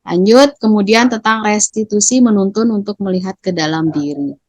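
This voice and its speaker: A middle-aged woman presents training material to fellow teachers, voicing sample teacher and student lines with shifting intonation. Her voice sits in a middle pitch and is recorded close, with little room sound. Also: moderate pace, a little mellow, no echo. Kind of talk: explaining to colleagues in a staff training session.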